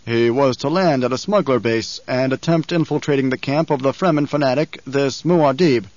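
A man acting out a scheming baron, nervous and obsequious before his emperor. He speaks slowly and a little louder, choosing every word with care. The audio is dry and slightly dull. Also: medium pitch, no echo, natural voice. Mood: deferential.

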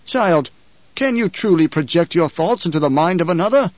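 An angry, imperious emperor, as a male narrator plays him, barking commands with loud scorn. The voice sits a little high. A dry, slightly dull studio recording. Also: animated, moderate pace, no room sound, close to an everyday voice. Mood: commanding, angry. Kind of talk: audiobook character voice.

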